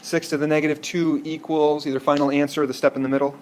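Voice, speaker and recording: A man's voice: a little high, little pitch movement, quick pace, a little mellow, slight background noise. A man teaching an algebra class in a classroom, explaining step by step and often checking whether students follow. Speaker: math teacher. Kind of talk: classroom lecture.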